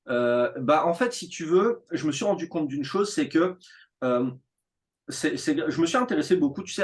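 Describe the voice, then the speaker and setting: A man in his thirties, a teacher telling his school story in a relaxed interview, animated and full of fillers and restarts. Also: medium pitch. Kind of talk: casual conversational interview.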